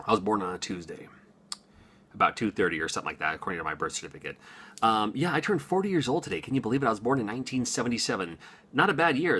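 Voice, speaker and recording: This man in his forties, a gaming YouTuber from Washington state, talks unscripted to the camera and chats loosely with viewers, dropping plenty of ums and small chuckles. He has a lowish, husky voice with a bright, forceful tone.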